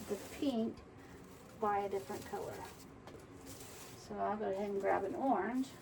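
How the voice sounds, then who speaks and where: A woman's voice: medium pitch, creaky. Chatty woman crafting, off-mic. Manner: chatty, mutters to herself while working. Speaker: wreath-making tutorial host. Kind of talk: casual crafting tutorial. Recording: distant mic, faint background noise.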